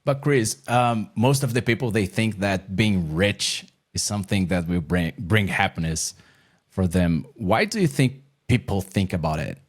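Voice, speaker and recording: A man with a Brazilian Portuguese accent, a native Portuguese speaker, hosting an interview in halting English with frequent restarts. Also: on the low side, animated. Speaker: host, interviewer. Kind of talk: casual interview chat.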